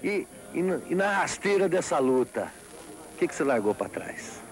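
A man's voice: a little high, sing-song, moderate pace, rough recording. A middle-aged man with a Brazilian accent, interviewing conversationally as a TV reporter on a handheld mic. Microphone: handheld reporter microphone. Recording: guitar music behind.

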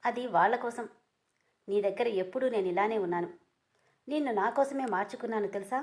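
A woman's voice: fairly high pitch, fairly quick, a little mellow, lightly acted. A woman voicing a teasing, persistent young man who keeps pestering the woman he loves. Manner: playful, pushy banter.

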